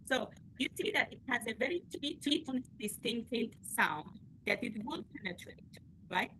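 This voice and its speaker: A woman's voice: on the high side, expressive, moderate pace, pushed and bright, slight background noise, low-quality recording. A woman giving a technical presentation over a video call, hesitant with many fillers, her audio choppy and cutting out. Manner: hesitant, many fillers, non-standard grammar. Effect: choppy audio that keeps cutting out over a bad connection. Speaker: researcher presenting a project. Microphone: computer mic on a video call.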